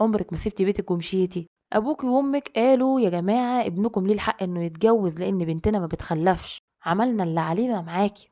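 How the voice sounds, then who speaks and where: A woman's voice: medium pitch, warm tone, lightly acted. A woman voicing a blunt, scolding older mother-in-law with an Egyptian Arabic accent, lecturing at length.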